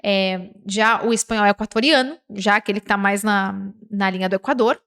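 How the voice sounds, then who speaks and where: A Brazilian woman teaching a language lesson, reading example sentences slowly and breaking into lively, chatty explanations. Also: medium pitch, clear, resonant tone. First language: Portuguese. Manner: slow, drawn-out example words with lively asides. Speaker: Spanish teacher.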